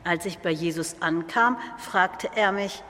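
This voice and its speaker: A performer telling, in first person and in an earnest, calm storytelling manner, the story of a humble, grateful blind male beggar, as a biblical monologue. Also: mid-range voice, unhurried, slight background noise. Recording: long hall reverb.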